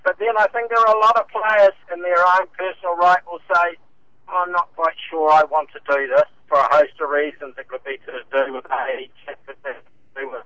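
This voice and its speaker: Radio guest phoning in from his car: a New man on a speakerphone, bright and fairly high, relaxed and chuckling. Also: fairly quick, slight background noise, low-quality recording. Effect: speakerphone call from a moving car. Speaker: bridge association chairman, radio guest. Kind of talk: casual phone-in chat.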